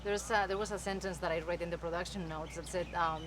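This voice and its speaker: Low-pitched woman interviewer in a noisy room. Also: fairly even intonation, quick pace. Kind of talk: casual interview questioning.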